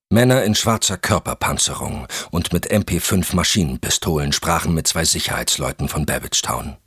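A man reads a thriller audiobook in a measured, suspenseful way. His voice is extremely deep and husky. The recording is dry and close, with no room sound. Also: a bit bright, no room sound. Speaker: audiobook narrator. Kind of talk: scripted thriller narration.

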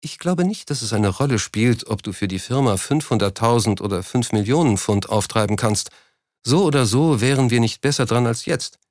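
A man reading an audiobook, voicing an unhappy, reproachful wealthy wife in a raised, softer voice. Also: mid-range voice, lively intonation, moderate pace, dry recording, clean studio sound, close to an everyday voice. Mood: cool. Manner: softly reproachful, drops her voice. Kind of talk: audiobook character voice.

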